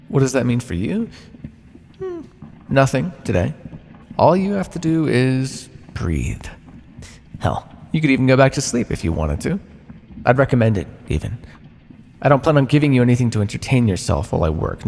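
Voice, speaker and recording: In a theatrical ASMR roleplay, a man voices a condescending, conflicted vampire who is both captor and scientist, teasing the listener with sighs and drawn-out words. His medium-pitched voice has vocal fry and a slightly mellow quality, recorded in a large hall with a little hiss or hum.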